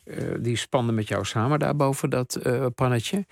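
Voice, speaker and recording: A man hosting a radio interview, asking gentle, hesitant questions. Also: mid-range voice, normal speed, gravelly, dry recording, studio quality. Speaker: radio host.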